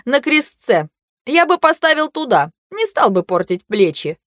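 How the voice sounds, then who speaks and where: A woman voicing a mocking, panicky young nobleman who swings from sneers to shrill outbursts, in a storybook reading. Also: very animated, a little slow, fairly bright tone, no echo, studio quality, full character voice. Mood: leering.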